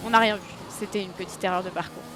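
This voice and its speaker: This time she speaks fast in a mid-range voice over music as she streams a racing game. The live commentary is excitable and aimed at her viewers, full of yelps at mistakes and self-mockery, while engine noise from the game plays behind.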